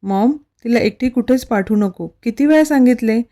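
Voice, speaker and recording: A stern young husband who scolds sharply and brooks no argument, as a woman narrator reads him. The tone stays mellow and fairly high, a storybook reading rather than a deep male voice. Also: moderate pace, close to an everyday voice.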